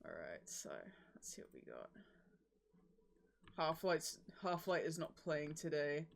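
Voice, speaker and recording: A woman hosting a casual game stream, playful and quick to laugh. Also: deep voice, big pitch swings, gravelly, a little hiss or hum. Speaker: streamer host. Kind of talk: casual gameplay commentary.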